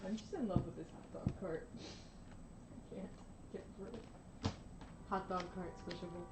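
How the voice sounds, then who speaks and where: A woman's voice: lowish voice, fairly even intonation, normal speed. A woman co-hosting a drawing livestream, chatting casually and giggling as she draws. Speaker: artist co-host. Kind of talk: casual chat while drawing. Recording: echoey, distant, noisy room mic.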